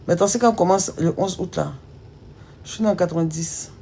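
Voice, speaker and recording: Speaking fairly quickly in a low, dark voice, an Ivorian woman in her thirties teases her live-stream viewers with rhetorical questions in a casual, emphatic way. Her accent is Ivorian French, and there's a little hiss or hum.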